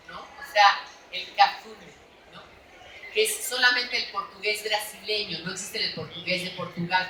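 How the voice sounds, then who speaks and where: A Mexican woman author giving a lively, chatty public talk at a book fair, tagging her sentences with quick questions to the audience. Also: medium pitch, far from the mic, slight background noise. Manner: animated, chatty, frequent "¿no?" tags. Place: large echoey hall at a book fair. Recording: echoey hall, voice from off-mic.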